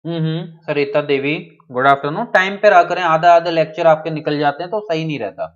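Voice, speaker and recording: A man's voice: a little high, a little fast. A male teacher giving a live online class, who often checks that his students follow and reads out their names as they answer. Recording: dull lo-fi sound.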